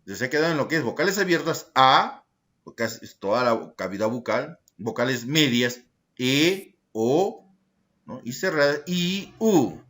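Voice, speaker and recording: A man teaching a secondary school language lesson in an online class, explaining slowly and checking in with his students by asking short questions. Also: medium pitch, lively intonation, fairly bright tone. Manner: slow, deliberate explaining, tag questions to students.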